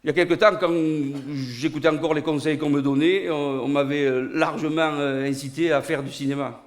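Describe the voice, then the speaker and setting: Stand-up storyteller, southern French accent, fairly high voice, bursts of loud animated ranting. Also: male voice, fairly quick. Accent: Niçois southern French. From Nice, southern France. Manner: animated, rising to loud outbursts in anecdotes. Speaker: stand-up comedian. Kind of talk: comic monologue storytelling. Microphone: studio recording.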